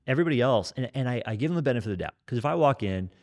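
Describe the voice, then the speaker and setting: A nasal-voiced man in his forties, a kettlebell trainer and fitness educator, chats at length in a casual podcast conversation. His mid-range voice is animated and rapid-fire, and he's talkative, jokey, and explains everything in over-thorough detail.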